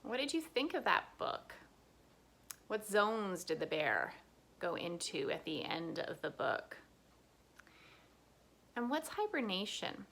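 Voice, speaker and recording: Slow, sing-song woman reading a picture book. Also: mid-range voice, big pitch swings, gravelly, fairly bright tone. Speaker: storyteller reading to children. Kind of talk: picture-book read-aloud. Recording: echoey room.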